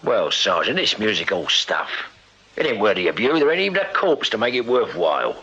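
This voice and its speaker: Husky, doleful constable, Thackeray. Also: male voice, fairly low pitch, big pitch swings, fairly quick, pushed and bright, muffled recording, exaggerated voice. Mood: grumbling. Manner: deferential, gloomy, plain-spoken. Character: loyal, doleful, grumbling Victorian male police constable. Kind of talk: full-cast radio drama acting.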